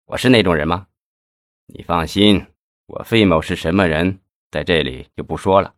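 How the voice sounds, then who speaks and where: A man reading the part of a scheming middle-aged male official, speaking low and conspiratorially. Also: moderate pace, dry recording, clean studio sound, lightly acted. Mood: hushed scheming.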